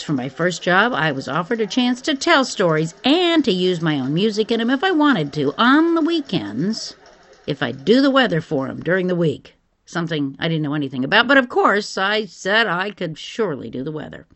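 A woman's voice: on the low side, sing-song, normal speed, a bit bright. A woman podcast host telling her own story in a scripted but conversational narration. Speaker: podcast host, former television reporter. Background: music bed.

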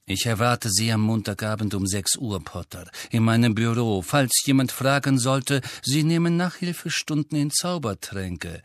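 A man voicing a cold, sneering male teacher in an audiobook, speaking softly and slowly with silky mockery. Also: medium pitch, dry recording, clean studio sound, close to an everyday voice. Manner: soft, slow, silky and mocking. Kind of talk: audiobook character voice.

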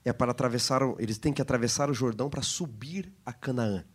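A pastor with a Brazilian Portuguese accent co-hosts a Bible lesson program, explaining scripture in a teacherly manner during a Bible study discussion. His voice is medium in pitch and his pace is quick.

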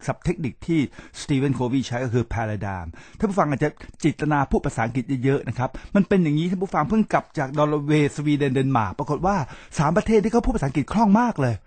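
A middle-aged podcast host runs a spoken talk show, lecturing listeners preachily, addressing them directly again and again, and spelling out English terms. His dark, slightly husky voice is a touch higher than most men's, sing-song and fast with few pauses. The recording is close and dry, with no room sound.

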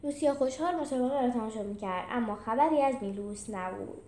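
A woman reading a children's story aloud as a podcast storyteller, with expressive delivery. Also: on the high side. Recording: echoey room.

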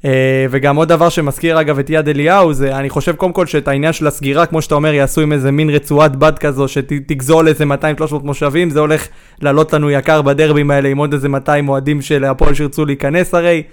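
A man, a sports journalist co-hosting a casual podcast, telling relaxed stories with many fillers. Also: on the high side, smooth. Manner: relaxed, anecdotal, with frequent fillers.

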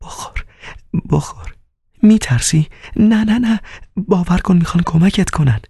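A man's voice: mid-range voice, vocal fry, mellow, breathy edge, dry recording, clean studio sound, pitched above the performer's own voice. A man voicing a desperate young woman in love, who stammers and pleads through tears. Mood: tearful pleading. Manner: stammering, pleading, repeating herself.

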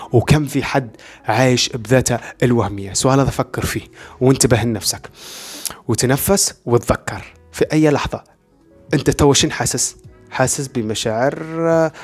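A man with a Libyan Arabic accent, hosting a self-development podcast and explaining ideas in rapid, repetitive lists. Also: medium pitch. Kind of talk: motivational talk.

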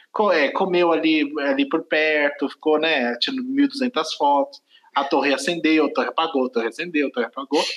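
High-voiced Brazilian man telling a story. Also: fairly bright tone, reverberant, rough recording. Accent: Brazilian Portuguese. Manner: rambling, self-correcting, laughs at own story. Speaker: podcast host. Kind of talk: casual storytelling chat.

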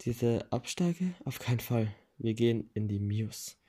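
A man's voice: mid-range voice, expressive, measured pace, warm tone, breathy edge. A man reading the lines of a blunt, cool teenage girl in a curt, dismissive way, close to his own voice.

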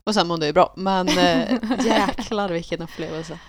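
A young woman chatting casually, telling a story at her own expense. Her voice sits a little low, and the sound is close and dry. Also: no room sound. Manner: chatty, self-mocking storyteller. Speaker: podcast co-host. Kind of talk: casual chat.

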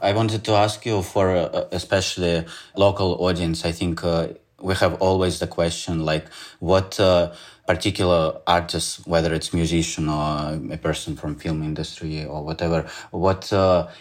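A man hosting an interview, asking long, winding questions with many pauses. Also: sits low, level tone.

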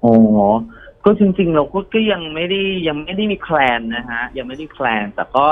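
A male singer guest chatting casually in a radio interview, relaxed and rambling with fillers. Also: a little high, normal speed. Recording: narrow phone-like line, faint noise.

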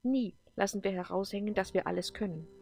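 A woman's voice: mid-range voice, a little fast, vocal fry, a little mellow, lightly acted. A woman voicing a stern male alien advisor in an audiobook, firmly lecturing. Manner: firm, lecturing.

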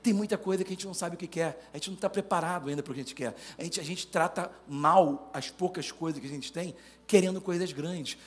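A man's voice: a little high, fairly quick, hardly any pauses. A man preaching a sermon, firing rhetorical questions at the congregation and rising to emphatic declarations.

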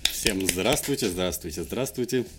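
Lowish-voiced young male interview guest. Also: lively intonation, moderate pace, noisy background. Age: young adult. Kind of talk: casual conversational storytelling.

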